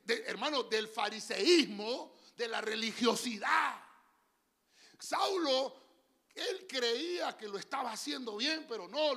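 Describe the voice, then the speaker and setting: Honduran pastor guy preaching, lively swooping delivery, a bit gravelly, gets folks to repeat after him. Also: very high-pitched. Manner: animated preaching with call-and-response to the congregation. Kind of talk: sermon. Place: church.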